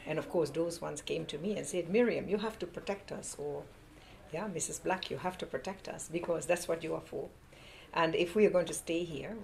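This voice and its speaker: A woman's voice: low-pitched, vocal fry, slight background noise, low-quality recording. A woman from the Netherlands serving as an ambassador, answering interview questions with many hesitant fillers.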